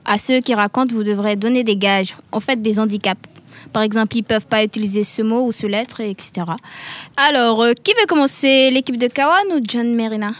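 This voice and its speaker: A woman hosting a radio game show, lively and quick to laugh. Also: a little high. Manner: lively, laughing often, scoring and hurrying players. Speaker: game host.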